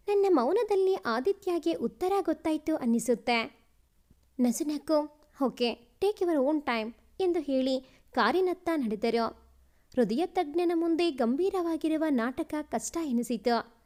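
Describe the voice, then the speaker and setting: A woman reading a family story aloud in the first person, in a gentle, measured narration. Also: high voice, expressive.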